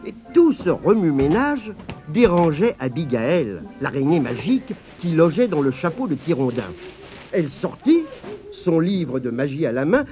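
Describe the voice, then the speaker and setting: A man reading a children's story aloud in a gently expressive way. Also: high voice.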